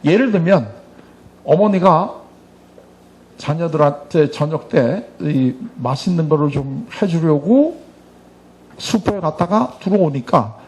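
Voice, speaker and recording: Animated high-voiced man teaching a class. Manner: animated, acts out dialogue with humor. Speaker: church Bible school teacher. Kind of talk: lively lecture to an adult class.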